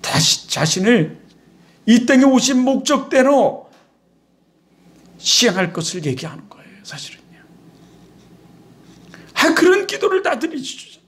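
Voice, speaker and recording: A male pastor preaching a sermon in an animated, conversational way with rhetorical questions. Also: very high-pitched, measured pace, pauses often.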